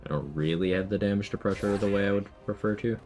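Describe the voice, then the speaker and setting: A man's voice: lowish voice, fast talker, a little mellow, faint music behind. A man giving casual, matter-of-fact gameplay commentary, thinking aloud as he plays. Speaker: gaming streamer.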